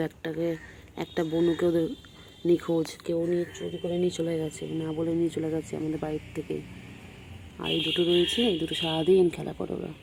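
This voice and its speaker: A woman's voice: deep voice, vocal fry, warm tone, a little hiss or hum. A woman filming her cats outdoors on a phone and cooing to them in sing-song baby talk. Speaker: pet vlogger. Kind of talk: casual vlog, cooing to cats.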